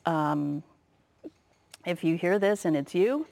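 A woman, a child psychologist, talking casually and calmly, modeling phrases for parents to use. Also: fairly low pitch, slow pace, vocal fry. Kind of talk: casual chat.

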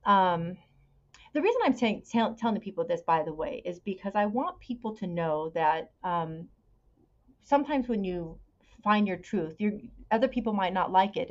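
A woman's voice: lowish voice, dull audio. A woman in her fifties, a podcast guest telling a personal story in an earnest, emotional way and searching for her words. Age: 50s.

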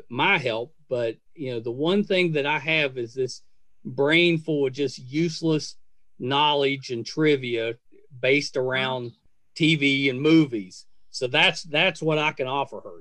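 In a casual conversational interview, a middle-aged man hosting a podcast lavishes effusive praise. He talks unhurriedly at medium pitch with a slightly bright voice, and there's no echo.

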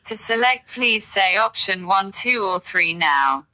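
A female AI voice assistant , acted by a woman, with a bright, forceful tone at medium pitch. She makes stilted, formal announcements in a comedy sketch, deadpan and fed up with the people she serves. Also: unhurried, rough recording. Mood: stiffly polite. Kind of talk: automated menu announcements.

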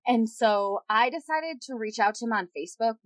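A woman's voice: a little high, moderate pace, no room sound. A woman casually telling a personal story, rambling with lots of fillers. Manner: rambling, filler-heavy, many "like"s and "yada yada".

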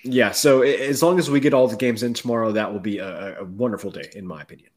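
A man's voice: fairly low pitch, quick pace, darkish tone. A man with a congested, blocked-nose voice from allergies, co-hosting a casual sports chat. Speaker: co-host.

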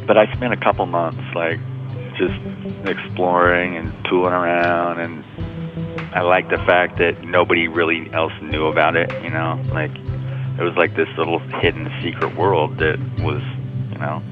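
A man's voice: low-pitched, level tone, moderate pace, over music. A man from Oregon calling from a county jail payphone, recounting events casually and rambling with lots of fillers. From Oregon, United States. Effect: jail payphone call. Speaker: incarcerated interviewee. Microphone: prison payphone handset. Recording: tinny payphone line.

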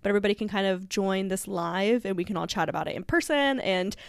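A woman's voice: medium pitch, fast, creaky, clear, resonant tone, dry recording, clean studio sound. A woman co-hosting a podcast in casual chat, talking with lots of fillers and laughs. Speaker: podcast co-host.

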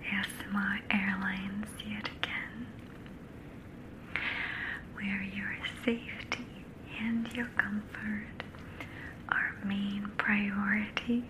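A woman whispering softly as a flight attendant in an ASMR roleplay, checking in gently with the listener. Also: mid-range voice, noisy background. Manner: soft, slow whisper with frequent gentle check-ins.

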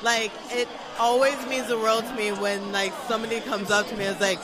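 At a busy fan convention, an American cosplayer from Florida chats excitedly as an interview guest, effusive and emphatic, often repeating and doubling back on her phrases. Her voice is a little high and brisk, with flat delivery. Music and crowd noise sit behind her.

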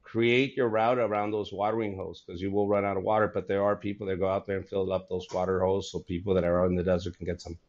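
A man in his forties, a comedian, chatting casually and telling stories in an animated, laughing way. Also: deep voice, quick pace, few pauses, muffled recording. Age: 40s. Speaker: comedian guest. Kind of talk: casual podcast chat.

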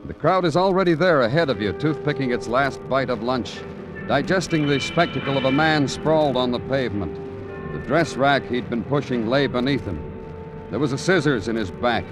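Through a low-quality vintage radio recording with music, an actor voices a weary, lyrical big-city detective, narrating his case with dramatic, florid, brooding phrasing in 1940s-50s noir style. His mid-range voice has lively intonation and a moderate pace, near an everyday sound.

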